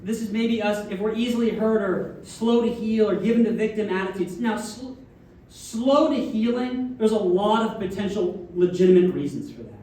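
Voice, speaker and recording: A man's voice: sits high, moderate pace, dark tone. Male minister, conversational preacher, recorded from a distance in a very echoey sanctuary with faint background noise. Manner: conversational preaching with frequent audience check-ins. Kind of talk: sermon. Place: church sanctuary.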